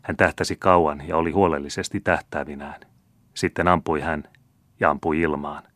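A man reading an audiobook in measured, even storytelling narration. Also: very deep voice, no echo. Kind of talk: scripted narration.

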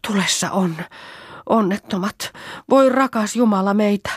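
A woman reading the part of a frightened young peasant girl in an audiobook play, with an anxious, quickly alarmed delivery. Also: on the low side, expressive, dry recording, studio quality. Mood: panicked.

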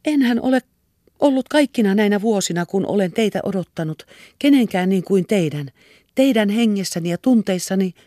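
A woman's voice: medium pitch, animated, warm tone, no echo, studio quality, voice pushed up, lightly acted. A woman reader voicing an anxious young woman who pleads tenderly and earnestly. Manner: earnest and imploring.

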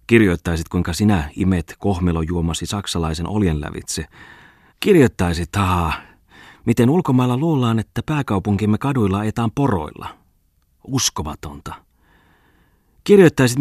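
A man playing a loud, mocking pedantic schoolmaster. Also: low voice, dry recording, clean studio sound. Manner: loud, sneering, cackling.

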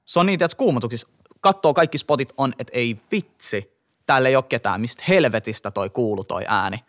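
A young man co-hosting a podcast, telling a story in a casual chat with lively jumps in pitch. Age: young adult. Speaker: podcast co-host.

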